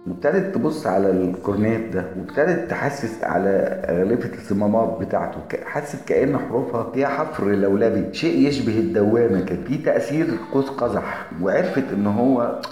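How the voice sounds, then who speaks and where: Egyptian male storyteller, low dark voice, relaxed asides, echoey hall, faint music behind. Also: a little fast. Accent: Egyptian Arabic. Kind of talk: casual story narration.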